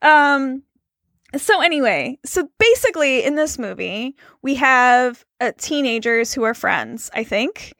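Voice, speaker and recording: A woman co-hosts a casual movie chat, rambling and laughing as she goes. Her voice sits a little high and swings all over the place. The sound is dry and close. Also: unhurried, dry recording. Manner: animated, laughs often, rambling. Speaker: podcast co-host.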